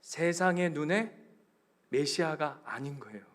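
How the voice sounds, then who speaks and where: A male pastor preaching a Sunday sermon with a Gyeongsang accent. He drops to hushed near-whispers, rises to loud emphatic cries, questions his congregation and leads them in reading scripture aloud. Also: a little high, expressive, a little slow. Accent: Gyeongsang Korean. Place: church sanctuary.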